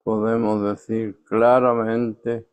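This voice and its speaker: A man in a devotional conversation, making measured, emphatic statements. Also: fairly low pitch, flat delivery, crowd noise. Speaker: church member.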